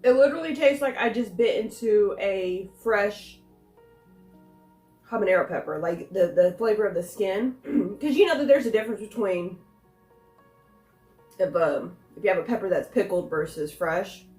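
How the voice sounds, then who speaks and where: A woman's voice: mid-range voice, expressive, moderate pace, darkish tone. A woman chatting casually through a food taste test, rambling and thinking aloud as she goes. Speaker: snack reviewer. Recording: roomy echo, faint music.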